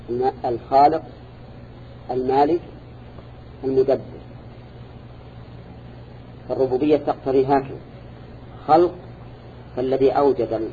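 A man teaching a classroom lecture, speaking in a measured way and quizzing his students with short questions as he goes. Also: mid-range voice, slight background noise. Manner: measured, quizzes listeners with repeated "ha?" and "na'am". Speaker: teacher of Quran interpretation. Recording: dull lo-fi recording.

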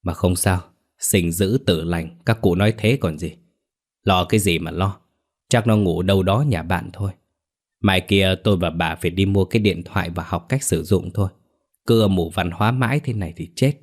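A man voicing a poor, stubborn old village father who talks gruffly. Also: deep voice, normal speed. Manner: gruff, dismissive.

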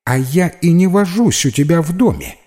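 A man voicing a shy, kind little ghost boy who stammers in a thin, high voice. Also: very animated, slow pace, vocal fry, darkish tone, full character voice. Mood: earnest. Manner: timid, polite, easily upset. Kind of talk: audiobook character voice.

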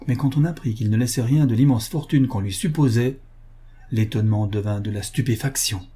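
A man narrating a novel in a steady, even reading voice. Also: mid-range voice, breathy edge. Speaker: audiobook narrator. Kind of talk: scripted narration.

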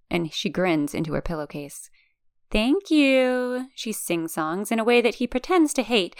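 A woman reading fan fiction aloud as a podfic, narrating in a calm, gentle storytelling manner. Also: on the low side, dry recording, studio quality. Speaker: podfic reader.

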